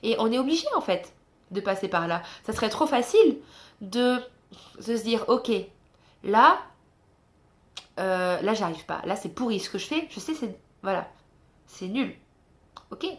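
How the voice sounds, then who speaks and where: A woman's voice: mid-range voice, sing-song, a little slow, pauses often. A young woman from France talking casually to camera in a travel vlog, chatty and encouraging, with many fillers, filmed on a phone indoors in a guest room. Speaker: travel vlogger.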